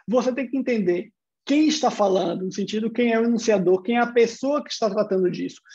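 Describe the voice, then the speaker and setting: A man's voice: high-pitched, fast, darkish tone, muffled recording. A man with a Brazilian Portuguese accent giving an online university lecture, explaining step by step and posing rhetorical questions.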